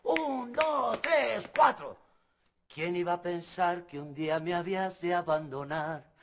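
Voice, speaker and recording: Talkative servant, high gravelly voice, telenovela scene. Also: male voice, moderate pace, a little hiss or hum, exaggerated voice. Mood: chatty. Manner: rambling, animated storytelling. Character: chatty, cheerful male servant. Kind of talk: telenovela acting.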